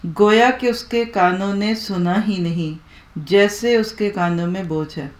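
A woman's voice: mid-range voice, measured pace. A woman teaching Quranic Arabic grammar to a class, explaining patiently and asking the students to repeat after her. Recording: echoey room.

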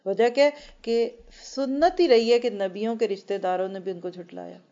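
A woman giving a Quran lesson to women, explaining earnestly with rhetorical questions and slowing right down to recite verses. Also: fairly high pitch, dark tone. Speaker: Quran teacher. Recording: dull lo-fi recording.

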